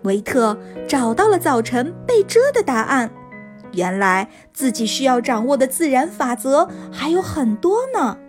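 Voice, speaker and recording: A woman narrating a scripted children's story in an expressive storytelling manner, as if for young listeners. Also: high-pitched, unhurried, soft background music.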